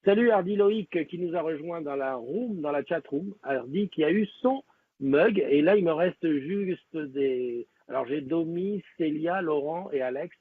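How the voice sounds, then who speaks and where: A man's voice: fairly high pitch, measured pace, slight background noise. A man hosting a live stream, chatting casually with viewers and rambling with many fillers and restarts. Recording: tinny, lo-fi phone-like sound.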